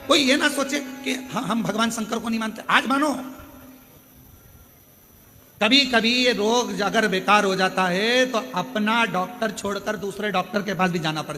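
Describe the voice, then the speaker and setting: Man, preacher, Madhya Pradesh Hindi accent, emphatic rhetorical questions, slightly high voice, faint music behind. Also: sharp tone. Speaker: katha preacher. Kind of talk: live devotional sermon. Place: large outdoor katha pandal. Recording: long hall reverb with faint music.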